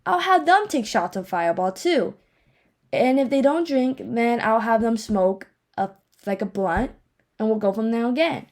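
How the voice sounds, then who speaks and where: This young podcaster, who has a speech impediment, chats on her own from a home office in a rambling, candid, self-deprecating style. Her voice is animated, on the high side, and darkish in tone, moving at normal speed.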